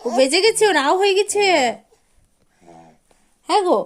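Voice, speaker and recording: A mother coaxing her toddler in sing-song baby talk, asking playful questions and scolding gently. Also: very high-pitched, lively intonation, moderate pace.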